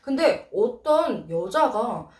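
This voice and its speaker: A woman telling scary stories in an animated way, quoting the characters in their own voices. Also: fairly high pitch, slow, roomy sound, recorded from a distance, crowd noise. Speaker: horror storyteller.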